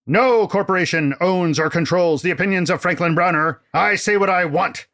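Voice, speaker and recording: A man's voice: high voice, normal speed, a bit bright. A man playing a pompous, paranoid male film critic in exile, speechifying with grand indignation in a comedic character bit. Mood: grandiose.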